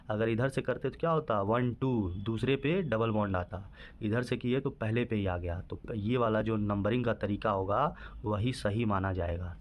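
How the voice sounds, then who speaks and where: Man, chemistry teacher, lesson, self-answered questions, repeated check-ins, average pitch. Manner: asks questions and answers them himself, repeats "ठीक है" often. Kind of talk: classroom-style lesson explanation.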